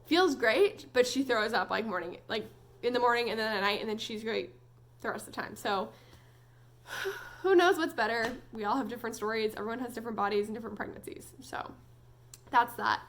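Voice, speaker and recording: A young woman chats to her camera at home in a slightly high voice. She talks loosely, with easy giggles and plenty of "like" and "um" along the way. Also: brisk. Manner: chatty, giggly, lots of "like" and "um". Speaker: vlogger. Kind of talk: casual chat to camera.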